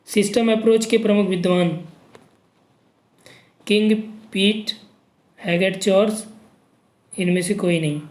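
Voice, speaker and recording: Man teaching exam prep, echoey room. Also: high-pitched. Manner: reads options aloud, frequent "ठीक" checks. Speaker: geography teacher.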